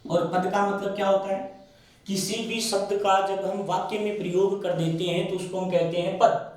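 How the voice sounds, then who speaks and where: A man with a Rajasthani Hindi accent teaches Sanskrit grammar in a classroom lecture, his voice sitting high with a level tone. He poses questions to himself and answers them, slowing and stretching out key sounds. The room is very echoey and the mic is far away.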